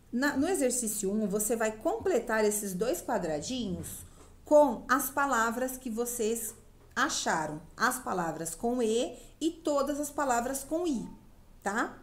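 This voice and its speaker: A woman teacher from Brazil with a Brazilian Portuguese accent, patiently explaining a lesson to young children and checking in often. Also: on the high side. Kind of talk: remote class lesson for children.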